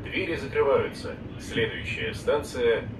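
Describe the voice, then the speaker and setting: A man's recorded announcement of doors closing and the next station, played over a train's loudspeakers, calm and formal. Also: medium pitch, unhurried, distant mic. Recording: echoing loudspeaker from afar in a noisy train.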